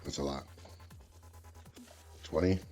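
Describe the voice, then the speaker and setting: A man's voice: rumbling low, steady tone, takes it slowly, dark tone, faint music behind. A man talking through a voice changer, rambling and thinking aloud in casual chat while he codes. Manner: rambling, hesitant, muttering to himself with many fillers. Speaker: streamer coding a website.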